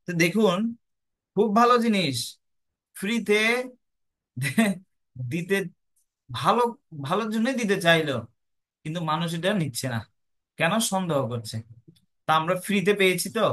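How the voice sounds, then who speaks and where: A man gives a devotional talk in a voice a little higher than most men's. He teaches by asking rhetorical questions and answering them himself, with a patient, explaining manner. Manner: chants the mantra softly. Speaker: devotional speaker. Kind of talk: Bengali devotional class.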